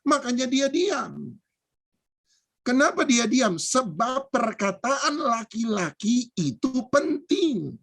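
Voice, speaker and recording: A male pastor delivers a playful sermon in a slightly husky voice. His pitch swings widely as he jokes and repeats phrases for emphasis. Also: very animated, slow, fairly bright tone. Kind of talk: humorous sermon.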